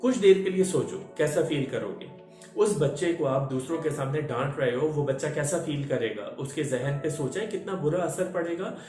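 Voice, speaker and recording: Earnest man with a higher voice, echoey. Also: normal speed, a little mellow. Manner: repeats key lines for emphasis, rhetorical questions. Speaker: motivational speaker. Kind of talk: earnest parenting talk. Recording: echoey room with faint music.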